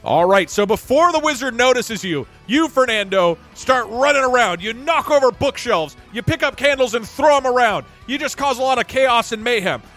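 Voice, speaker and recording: A man narrating a tabletop fantasy game as game master, with lively, incredulous asides. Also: very high voice, moderate pace, hardly any pauses, soft background music.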